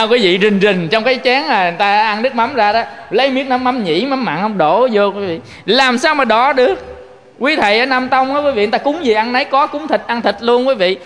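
In a large hall, a Buddhist monk with a Southern Vietnamese accent preaches a sermon, telling folksy stories and often turning to address his listeners. His voice is high, with a fairly bright tone.

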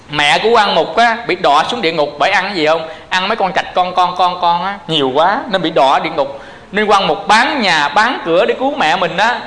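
A man's voice: high voice, pushed and bright. A male Buddhist preacher telling stories in a sermon and addressing the audience directly. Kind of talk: sermon storytelling.

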